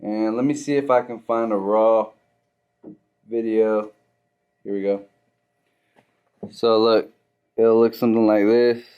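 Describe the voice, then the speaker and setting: A man's voice: on the low side, flat delivery, takes it slowly, long pauses, clear, resonant tone, dull audio. A man, a barber, giving a casual step-by-step how-to, often tagging his points with "right?". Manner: walks through steps, tags lines with "right?".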